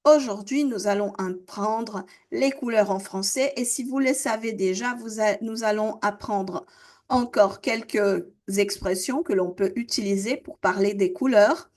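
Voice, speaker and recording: Slow, careful French teacher, a woman. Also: mid-range voice, darkish tone. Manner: slow, deliberate pronunciation drills, repeating words. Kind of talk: slow, careful language lesson.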